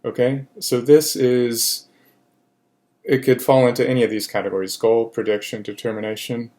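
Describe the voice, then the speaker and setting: A man's voice: mid-range voice, flat delivery, moderate pace, darkish tone. A man teaching French grammar in a recorded lesson. He speaks in English and says each French example twice, with many fillers along the way.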